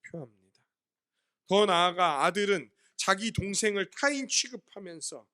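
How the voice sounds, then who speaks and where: A man's voice: high-pitched, sharp tone. A man preaching a sermon as pastor, asking his listeners questions and answering them himself while explaining words from the Greek Bible.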